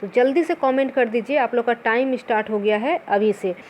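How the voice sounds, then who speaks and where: Woman teacher, pretty high voice, asks herself questions then answers, bit of hiss in the background. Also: a little fast, darkish tone. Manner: explains by asking and answering her own questions; mixes English words into her talk. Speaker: teacher of an exam-prep channel. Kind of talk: exam-prep lesson.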